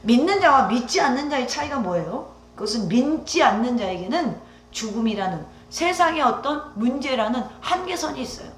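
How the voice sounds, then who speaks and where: A woman's voice: high-pitched, sing-song, moderate pace, slight background noise. A woman pastor preaching a Sunday sermon, emphatic, with rising exclamations and rhetorical questions to the congregation. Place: church sanctuary. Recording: echoey church hall.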